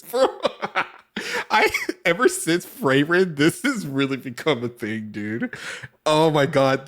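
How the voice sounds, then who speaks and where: A man hosting a reaction video, chatting casually, laughing often and swearing freely. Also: mid-range voice.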